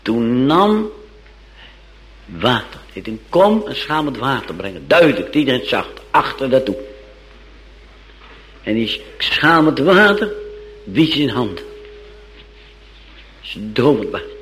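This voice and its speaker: A man's voice: medium pitch, sing-song, unhurried, long pauses, a bit bright, slight background noise, rough recording. A male preacher telling a Bible story as a sermon, dramatic and fond of repeating phrases.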